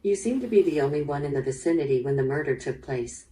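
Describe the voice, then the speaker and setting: A voice actor in an interactive radio drama plays a female police detective, her low voice animated and dark. She sounds measured, probing and businesslike, and the audio comes through a speaker, slightly distant.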